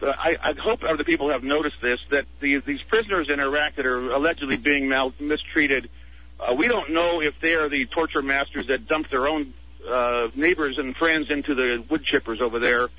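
A man's voice: medium pitch, moderate pace. Indignant male radio caller. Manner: heated, indignant. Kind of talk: call-in radio debate. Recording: dull lo-fi radio broadcast.

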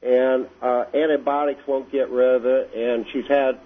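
A man calling in to a radio show, speaking hesitantly with many pauses and fillers. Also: medium pitch, level tone. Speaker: caller. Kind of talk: phone-in call. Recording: tinny phone line with faint noise.

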